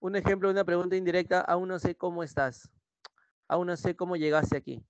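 Male Peruvian Spanish teacher, young adult, slightly high voice, dry close sound, repeats points and asks "right?" often. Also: flat delivery, a little fast, no room sound. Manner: repetitive, checks in with students using "¿sí?". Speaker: pre-university language teacher. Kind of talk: online class lecture.

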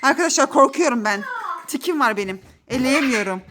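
High-pitched, excitable young woman vlogging. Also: fairly quick, heavy background noise. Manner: excitable, laughing and squealing in fright. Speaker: mother and family vlogger. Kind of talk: casual family vlog. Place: indoors at home.

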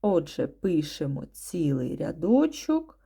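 A woman teaching a first-grade class, patiently sounding out letters one by one and using gentle diminutive words for small children. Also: low voice, big pitch swings, slow, vocal fry, husky. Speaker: primary school teacher. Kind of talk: first-grade reading and writing lesson.

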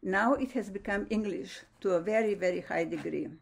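A woman's voice: mid-range voice, creaky, a little hiss or hum. Slovenian woman giving a formal lecture. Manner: measured, formal, slightly non-native phrasing. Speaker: lecturer, astrophysicist. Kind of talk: prepared online science lecture.

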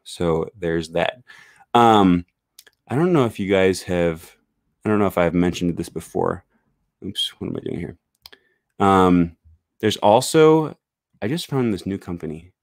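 A young man gives a loose, rambling live-stream talk about language learning, sharing his screen and filling his speech with "um" and "uh." His low, expressive voice is unhurried, with long pauses. He speaks into a large studio mic on a desk stand in a small home room, and the studio-quality audio has no room sound.

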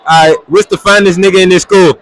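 A man's voice: high voice, steady tone, fairly quick, a bit bright, a little hiss or hum. A young man hosting casual public interviews, asking blunt teasing questions into a handheld mic in a busy school hallway. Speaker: vlogger interviewing students.

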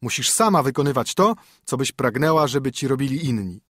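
A man's voice: medium pitch, expressive, fairly quick, fairly bright tone, breathy edge, no echo, studio quality. A man reading a fairy tale audiobook, voicing a stern poor minstrel husband who commands and scolds his wife. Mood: scolding.

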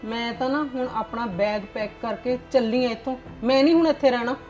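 Woman doing a scheming auntie, high voice, fake-teary complaining, family drama. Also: a little fast, a little mellow, lo-fi sound, faint music behind, close to an everyday voice. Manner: sly, mock-tearful complaining. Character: scheming middle-aged aunt stirring family trouble. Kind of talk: Punjabi family web drama.

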